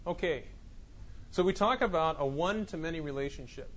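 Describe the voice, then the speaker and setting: In a classroom full of students, a man gives a college lecture that wanders, repeats itself, and restarts often. His voice sits on the high side, fairly bright and a little fast. The recording is low quality, captured on a clip-on mic that keeps slipping off.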